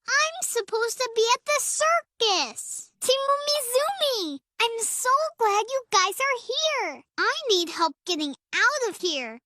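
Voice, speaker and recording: A cheerful young girl elephant from a preschool cartoon, who speaks in a very high, sparkling voice. She talks unhurriedly and sing-song to the viewer, her pitch leaping up and down, all in a dry, close studio sound. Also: sing-song, slow, few pauses, bright, forceful tone, dry recording, full character voice. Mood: worried, lost. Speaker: voice actor.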